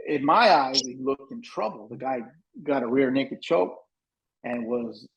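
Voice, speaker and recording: A man co-hosting a podcast, telling a story in a casual, animated way, swearing and saying "bro" a lot. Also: medium pitch, measured pace, low-quality recording. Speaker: podcast co-host.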